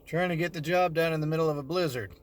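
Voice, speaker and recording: A man's voice: on the high side, quick pace. Muffled man vlogging from his ranch. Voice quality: muffled by a face mask. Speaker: sheep rancher. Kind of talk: casual vlog narration. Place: outdoors on a snowy ranch and in a car.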